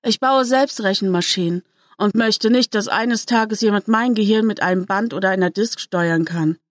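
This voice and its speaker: A quiet young tinkerer who builds calculating machines, voiced by a woman in a dry, close, slightly raised voice. He sounds earnest and firm in a story reading. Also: medium pitch, normal speed, no room sound, lightly acted.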